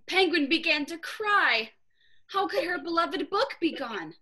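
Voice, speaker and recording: Bright-voiced woman reading a children's story. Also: very high-pitched, a little slow, rough recording. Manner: expressive, animated reading. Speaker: theatre teacher. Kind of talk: storybook read-aloud for children. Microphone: video call.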